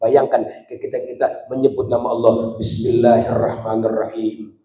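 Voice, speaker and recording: A man preaching a sermon, swinging between hushed passages and loud, shouted emphasis. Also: mid-range voice, moderate pace. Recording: echoey room.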